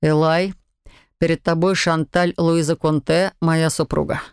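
A man's voice: fairly high pitch, little pitch movement, measured pace, gravelly, clean tone, no room sound, clean studio sound. A reader voicing a young male battle mage who speaks evenly and firmly in an audiobook. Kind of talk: audiobook character reading.

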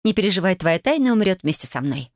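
A woman's voice: fairly low pitch, sing-song, dry recording, studio quality. A woman voicing a brash, mocking young witch with a breezy, teasing manner. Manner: teasing, breezy, quick to yell. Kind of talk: audiobook character voice.

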